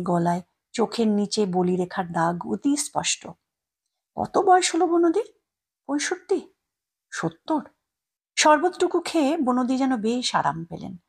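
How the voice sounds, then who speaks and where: A woman reading a story aloud as the narrator, with expressive, lively delivery. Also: mid-range voice, vocal fry, husky.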